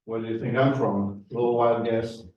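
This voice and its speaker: A man's voice: medium pitch, steady tone, moderate pace, darkish tone, very echoey, far from the mic, highs cut off, slight background noise. A man with a French accent giving a chatty, self-deprecating talk as a guest speaker in a university classroom. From Morocco. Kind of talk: presentation to a class.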